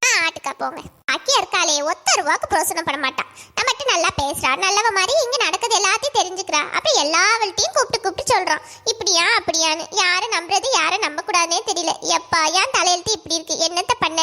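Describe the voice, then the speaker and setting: A very high, bright cartoon voice of a hurt, grumbling mother-in-law, as a voice actor puts her on. She complains. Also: lively intonation, fast talker, full character voice. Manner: complaining, plaintive.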